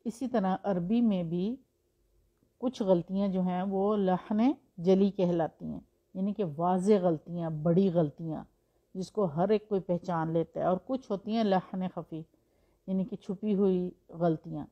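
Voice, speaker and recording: A woman's voice: fairly low pitch, steady tone, muffled recording. A woman teaching Quran recitation in a patient, explanatory way, using examples and rhetorical questions. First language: Urdu. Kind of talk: explanatory religious lesson.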